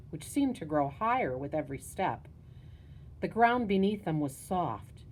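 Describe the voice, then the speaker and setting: A woman narrating a spooky children's story in a measured, hushed storytelling manner. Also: low voice, a little hiss or hum, low-quality recording. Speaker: audiobook narrator.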